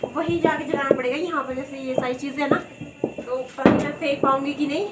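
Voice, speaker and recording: Woman vlogger, hoarse, fairly high voice, chatty with viewers, phone mic, noisy with crickets behind. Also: fairly even intonation, a little fast. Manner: chatty, talks straight to viewers. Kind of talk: casual festival vlog narration. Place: home at night, indoors and outside. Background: crickets and insects chirping.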